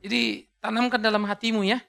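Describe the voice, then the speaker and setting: A man preaching a sermon as pastor, lively, joking with the congregation and rising to shouted climaxes. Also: sits high, a little fast, vocal fry.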